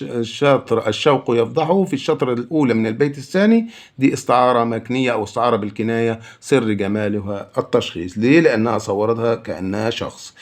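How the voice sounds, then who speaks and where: A man with an Egyptian accent working through exam questions as a teacher, asking and answering his own questions. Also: medium pitch. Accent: Egyptian Arabic. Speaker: Arabic teacher. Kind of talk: exam answer walkthrough lesson.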